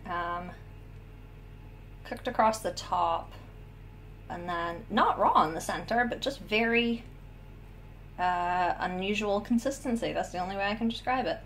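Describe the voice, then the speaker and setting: A middle-aged woman vlogging from her home kitchen, self-deprecating and halting, full of ums, filmed on a phone. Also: medium pitch, fairly bright tone, echoey room, slight background noise. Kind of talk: casual kitchen vlog. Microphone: phone camera.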